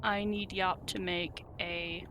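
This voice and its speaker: A woman narrating as game master of a tabletop game, describing scenes in a measured way. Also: on the low side, flat delivery, background noise.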